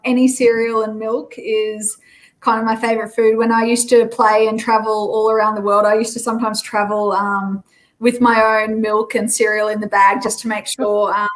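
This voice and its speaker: A woman's voice: on the high side, poor audio. A woman in her thirties from Queensland with an Australian accent, chatting easily as a podcast guest with lots of ums. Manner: relaxed, many fillers. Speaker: guest, former rugby player. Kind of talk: podcast interview.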